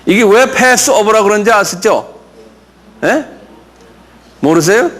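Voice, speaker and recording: Lively high-voiced pastor teaching slowly. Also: male voice. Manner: drills pronunciation, quizzes listeners, chuckles. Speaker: pastor teaching a Bible class. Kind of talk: classroom lecture with audience questions.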